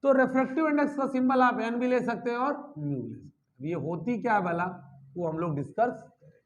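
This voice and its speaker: High-voiced man teaching physics. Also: fast, muffled recording, slight background noise. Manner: asks the class questions and answers them himself, calls students "beta"; mixes English terms into Hindi, repeats key words. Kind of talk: classroom lecture.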